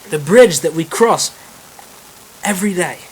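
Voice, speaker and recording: A man's voice: high-pitched, expressive, unhurried, voice pushed up, rough recording. A man doing an imitation Irish accent for a boastful drunk pub regular in a joke. The accent is uneven. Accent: Irish, imitated and slipping. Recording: rain noise in background.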